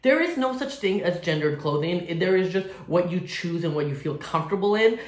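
A man with a sassy, expressive drag queen manner, giving casual reaction commentary in an indoor room. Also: high-pitched, fairly quick, reverberant. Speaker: drag performer reacting to a video. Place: indoor room at home, with hard walls.

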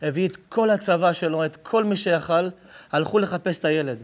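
High-voiced man preaching a sermon. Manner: emphatic, addresses listeners directly and affectionately. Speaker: rabbi. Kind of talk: live sermon with storytelling. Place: live lesson before an audience.

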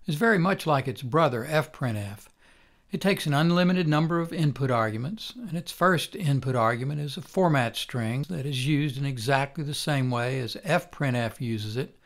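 An older man instructor giving a calm, methodical recorded programming lecture. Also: mid-range voice.

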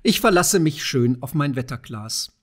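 A man's voice: mid-range voice, lively intonation, measured pace, husky. A man voicing a fat, proud, wealthy old farmer who talks in a blustering, mocking way.

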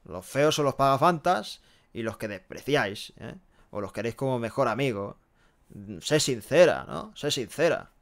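A man's voice: medium pitch, expressive, moderate pace. A young man from Barcelona, live-streaming from a small room with a headset mic, reading chat messages aloud and answering them frankly. He speaks casually and keeps tagging his sentences with little questions. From Barcelona, Spain. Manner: chatty, frank, tags sentences with "¿eh?" and "¿no?". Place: small room with a pale green wall, indoors. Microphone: headset microphone.

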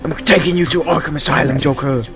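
A man voicing a gruff, grim male caped vigilante in a gravelly growl, blunt and repetitive in an improvised parody. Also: a little high, fast, over loud music. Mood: stern. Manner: blunt, stern, repeats himself.

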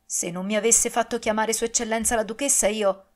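A woman's voice: on the high side, fairly even intonation, a little fast, close to an everyday voice. A woman voicing a loyal, humble male servant who pleads meekly in an audiobook. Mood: pleading. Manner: meek, pleading.

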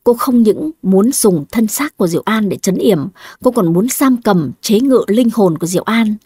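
A woman narrating a folk horror story in a steady, measured storytelling voice, recorded on a close studio mic. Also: mid-range voice, breathy edge. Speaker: audiobook narrator.

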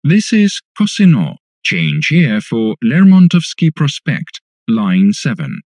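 A man making recorded subway announcements, formal and deliberate in the way he announces stations. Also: medium pitch, huge pitch swings, darkish tone, no room sound. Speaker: English-language metro announcer.

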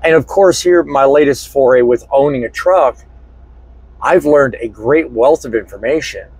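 Talking casually to camera in his truck cab and later in a parking lot outdoors, this middle-aged trucker-vlogger sounds medium-pitched, a little mellow and husky. His phrasing is deliberate, earnest and reflective. The small lapel mic yields a dry recording with poor audio.

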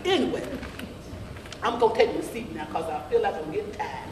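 A woman's voice: medium pitch, lively intonation, fairly quick, over a noisy crowd, close to an everyday voice. A woman playing an old field-hand grandmother in a play, folksy, scolding and rambling, with a drawling delivery. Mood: rambling, tired. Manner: folksy, rambling, calls listeners baby. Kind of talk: amateur gospel stage play monologue, storytelling. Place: church sanctuary stage, mid-sized hall. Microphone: camera some metres away. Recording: roomy church hall, distant camera mic, audience noise.

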